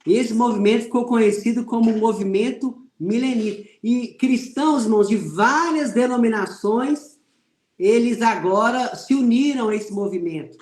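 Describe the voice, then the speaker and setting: Earnest high-voiced Brazilian man teaching. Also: normal speed, darkish tone, roomy sound. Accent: Brazilian Portuguese. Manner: earnest, speaks to viewers as "irmãos". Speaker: religious teacher. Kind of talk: online Bible class with personal testimony.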